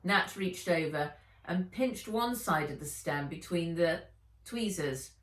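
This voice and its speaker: Reading aloud from her own children's adventure story, a woman narrates slowly and deliberately in a fairly low, animated voice that rises and falls theatrically with clear intent. It's a dramatised audiobook reading, captured on a distant mic in an echoey, roomy space.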